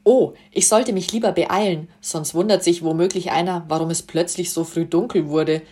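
A woman's voice: fairly low pitch, steady tone, normal speed, lightly acted. Apollo, a brash young sun god, put on by a woman. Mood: cocky. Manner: loud, showy, self-assured. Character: cocky young male sun god, boastful and cheerful.

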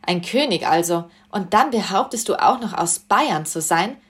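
A woman voicing an enthusiastic noble gentleman in a children's story. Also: medium pitch, expressive, moderate pace, lightly acted. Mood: scolding. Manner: admiring, cheering.

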